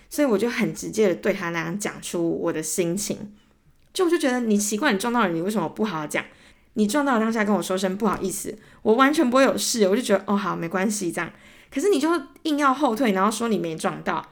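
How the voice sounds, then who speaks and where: A young woman with a Taiwanese Mandarin accent hosting a solo podcast, telling stories animatedly and acting out both sides of arguments, growing exasperated. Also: medium pitch. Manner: gets heated and exasperated while retelling. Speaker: podcast host. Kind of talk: casual solo ranting storytelling.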